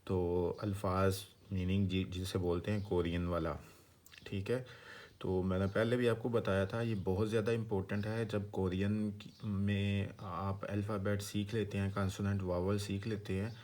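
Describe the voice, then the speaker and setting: A man's voice: lowish voice, level tone, a little mellow. A man teaching vocabulary in a casual, patient way, spelling out each word sound by sound and checking in often. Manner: patient, repeats each word slowly and checks with "theek hai". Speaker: language teacher. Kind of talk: casual explanatory lesson.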